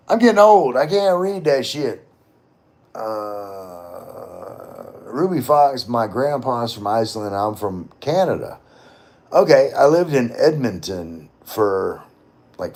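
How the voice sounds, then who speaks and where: A middle-aged man, his mid-range voice a little mellow, reads viewer comments on a casual livestream and answers them. He rambles, stays informal and swears from time to time.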